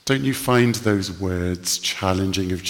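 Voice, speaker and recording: A man preaching a sermon, telling stories earnestly with slow, emphatic pauses. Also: sits low, long reverb tail.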